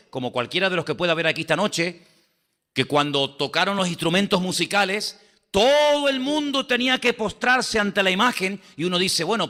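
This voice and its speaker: In church, a pastor delivers a sermon, acting out the king and Daniel with animated character voices as he retells Bible scenes for his congregation. His voice sits slightly high, ringing very bright and forward.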